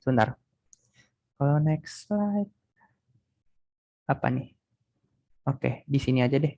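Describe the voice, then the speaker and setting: A man's voice: mid-range voice, animated, slow pace, vocal fry, mellow, dull audio. A young man tutoring a class online in a casual way, thinking aloud with many fillers and restarts.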